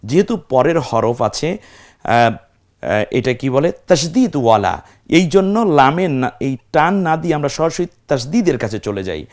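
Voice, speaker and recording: A man's voice: a little high, very animated, normal speed. A man teaching Quran recitation, explaining step by step and drawing out the Arabic syllables he demonstrates. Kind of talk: recitation lesson.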